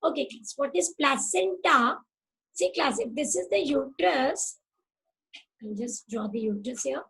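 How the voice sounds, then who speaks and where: A woman teacher lectures an online class in a high, gravelly voice. She talks very slowly and patiently, repeats key terms and checks that the class follows. Faint noise sits under her computer microphone. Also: lively intonation, a bit bright, rough recording. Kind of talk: online class lecture mixing Hindi and English.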